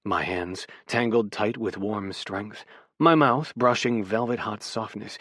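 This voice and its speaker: A man's voice: on the low side, fairly bright tone, no echo, clean studio sound. Man narrating an intimate audiobook. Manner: intimate, measured storytelling. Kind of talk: first-person romance narration.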